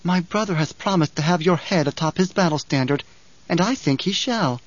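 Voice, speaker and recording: A man voicing an eerily composed, fearless young girl who speaks calmly and precisely. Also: a little high, brisk, no echo, voice pushed up, lightly acted. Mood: cool defiant. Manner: calm, precise, unsettling. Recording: dull lo-fi audio.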